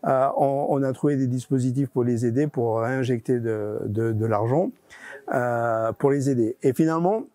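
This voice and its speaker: In an interview, a nonprofit's regional deputy director explains his points, often hesitating and repeating words. He has a warm-toned mid-range voice at a moderate pace, recorded with no echo.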